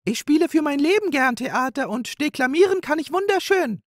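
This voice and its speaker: A gossipy female magpie from a bedtime storybook chatters in a shrill, very high voice, as a man puts her on. She sounds eager and restless. The recording is dry and close. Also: expressive, normal speed, dry recording. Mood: excited.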